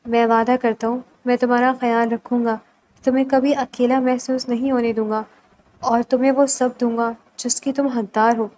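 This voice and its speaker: An earnest young husband, soft-spoken and reassuring, pleading gently in a storybook romance, read by a woman in her own high voice. The delivery stays calm and even. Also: a little hiss or hum, lightly acted, poor audio. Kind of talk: novel read aloud.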